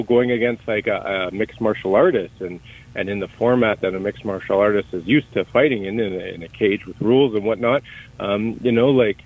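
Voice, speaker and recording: Poor audio captures a middle-aged Canadian man whose medium-pitched voice has a darkish tone. He's being interviewed conversationally and answers in a searching, thoughtful way, frequently restarting and repeating himself.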